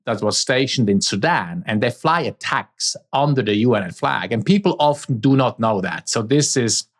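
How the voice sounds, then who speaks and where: A middle-aged Swiss man guests in an interview, answering conversationally in an animated, mid-range voice at a moderate pace. He's a native Swiss German speaker and has a Swiss German accent.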